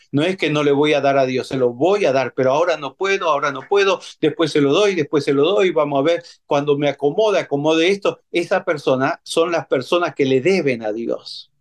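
A man preaching a sermon in an emphatic way, repeating phrases and asking his congregation rhetorical questions. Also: fairly high pitch.

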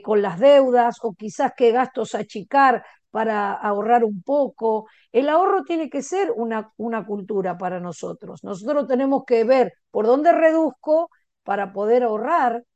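A woman's voice: on the high side, measured pace, darkish tone, no echo, highs cut off. A woman pastor with an Argentine Spanish accent, preaching earnestly and encouraging her listeners. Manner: earnest and encouraging, laughs between stories. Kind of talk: sermon with personal anecdotes.

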